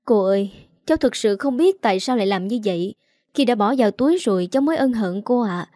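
A woman's voice: medium pitch, animated, quick pace, dark tone, dry recording, studio quality, lightly acted. A woman voicing a young female model who pleads, stammers and sobs. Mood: pleading tearful.

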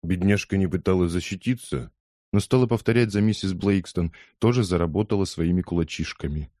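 Low, dark male audiobook narrator. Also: dry recording, clean studio sound. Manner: measured, steady storytelling.

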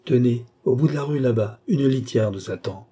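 A man's voice: mid-range voice, normal speed, mellow, close to an everyday voice. A man doing a mocking young villain. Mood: possessive. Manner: mocking, smoothly menacing.

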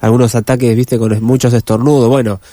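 A man with a Rioplatense accent, hoarse from a cold, giving a brisk sports report as radio co-host. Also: medium pitch, flat delivery, dark tone, no echo. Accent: Rioplatense Spanish. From Argentina. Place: radio studio.

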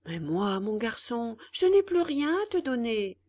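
Woman reading as a patient old father, gentle and lecturing, slow storybook pace. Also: a little high, sing-song.

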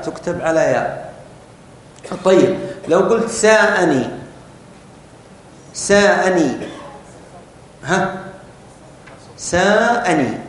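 High-voiced man teaching in an echoey hall. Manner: explains step by step, asks the class questions. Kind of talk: classroom lecture. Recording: very echoey room with faint noise.

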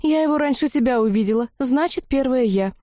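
Lady doing a high gushy blonde witch girl, drawn out, jealous. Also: fairly quick, dark tone, no echo, clean studio sound, lightly acted. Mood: gushing. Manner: gushing, squealing. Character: buxom blonde young witch, gushing and jealous.

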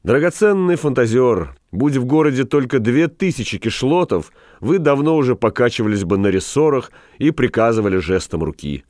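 Man doing a mocking worldly gentleman. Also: medium pitch, big pitch swings, moderate pace, few pauses, no echo, clean studio sound, voice pushed up, natural voice. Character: ironic worldly gentleman, amused.

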